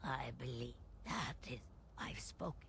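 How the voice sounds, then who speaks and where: A pious older caretaker in a video game, sweet-talking with endless endearments. Her voice sits low and gravelly, with a faint hiss behind it. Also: lively intonation, a little slow, fairly bright tone, heavily acted. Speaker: game character.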